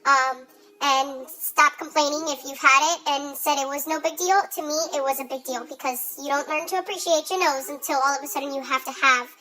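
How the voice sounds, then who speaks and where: A woman's voice: high-pitched, fairly even intonation, brisk, pushed and bright, rough recording. A young woman with a congested, blocked-nose sound, telling a story casually in exasperated, sweary, emphatic slang.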